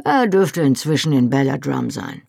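Audiobook casting: a reader doing a dry-witted old clansman, gravelly, matter-of-fact. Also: medium pitch, sing-song, moderate pace, a little mellow, dry recording, full character voice. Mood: wry. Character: dry, wry loyal Highland clansman, older man. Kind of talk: audiobook character voice.

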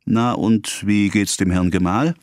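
A man voicing a jovial, talkative old village priest in an audiobook, speaking slowly and emphatically. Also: on the low side, a little mellow, no echo, studio quality, voice pushed up.

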